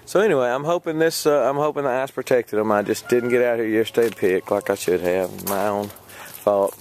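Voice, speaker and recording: Filming on a handheld camera, this man from Texas wanders through his garden outdoors, talking in a loose, hesitant way with many fillers and frequent chuckles. His medium-pitched voice is fairly quick and a little mellow, with a faint hiss or hum.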